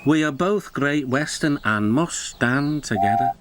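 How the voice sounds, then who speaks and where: Man doing a polite loyal brake van, calls everyone mister, normal pitch. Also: lively intonation, unhurried, heavy background noise, close to an everyday voice. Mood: respectful. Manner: respectful, confiding. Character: loyal old male brake van, respectful.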